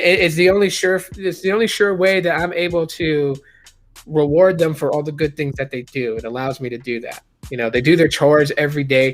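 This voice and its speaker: Hosting a live stream, a man in his late thirties with a fairly high pitch talks candidly and rambles casually. He restarts often and reads the chat aloud.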